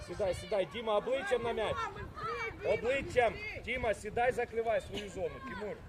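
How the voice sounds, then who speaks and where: A man coaching a youth football team, calling short commands to his players from the sideline. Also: normal speed. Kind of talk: coaching shouts from the touchline. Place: outdoor football pitch. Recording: noisy crowd at an outdoor pitch. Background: crowd of parents and players.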